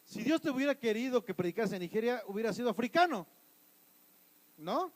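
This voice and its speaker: A Mexican pastor preaching a sermon in church, asking the congregation questions and answering them, shifting between loud emphatic lines and quiet asides. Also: male voice, very high-pitched, lively intonation, fairly quick, low-quality recording. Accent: Mexican Spanish.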